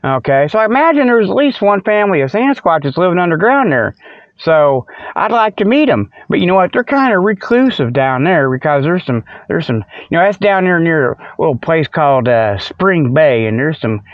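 The host of a comic Sasquatch show, an American man, delivers a rambling, folksy monologue with joking asides. His voice is a little high, swings widely in pitch and moves at a moderate pace. There's no echo, and the audio is close, dry and dull like lo-fi radio.

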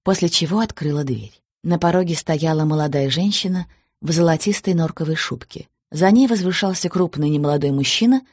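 Husky-voiced woman reading an audiobook. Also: low voice, brisk, no echo, clean studio sound. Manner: steady, plain storytelling. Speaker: narrator. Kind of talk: audiobook narration.

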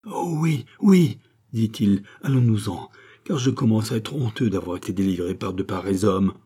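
Anguished doctor crying out in horror, voiced by a male reader; husky, dark timbre. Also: lowish voice, normal speed. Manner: exclaiming in raised anguished cries. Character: anguished idealistic male doctor, grown man.

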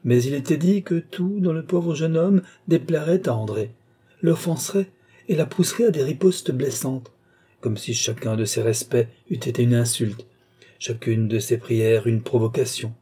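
A man narrating a classic novel as an audiobook, with measured, expressive reading. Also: mid-range voice, husky.

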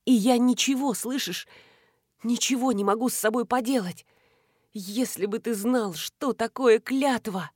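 Woman reading a tearful young woman, high, urgent pleading, dry close read. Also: unhurried, darkish tone, slightly rough, dry recording. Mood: anguished.

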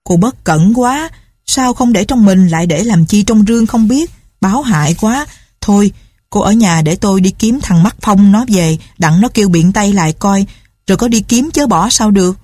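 A woman's voice: medium pitch, animated, normal speed, dark tone, slightly rough, dry recording, studio quality. Woman playing a fussing, scolding housemate. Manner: scolding, talkative.

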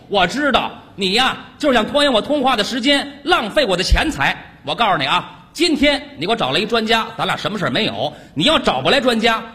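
A man in a comedy sketch, heckling and exasperated with quick retorts. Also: high voice, bright, forceful tone. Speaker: comic performer.

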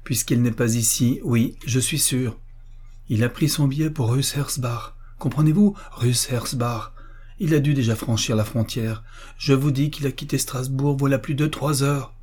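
A man's voice: mid-range voice, normal speed, a little mellow, breathy edge, voice pushed up, natural voice. A man reading an audiobook, voicing a young officer who solemnly explains a painful duty. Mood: grim. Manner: tense, solemn. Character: young army officer, grim and torn.

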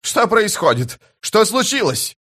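A man putting on a pompous army commander who shrieks in a strained, high voice that climbs whenever he loses his nerve. He is frantic and easily rattled, an audiobook figure through and through. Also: sing-song, measured pace, full character voice. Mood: panicked. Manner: shrill, frantic shouting.

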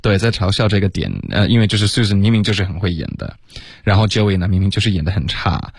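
Low-voiced relaxed male co-host. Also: husky, no room sound, studio quality. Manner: relaxed, laughs often, drawn-out fillers. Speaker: English teacher, co-host. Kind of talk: casual explanatory chat mixing in English. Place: radio studio.

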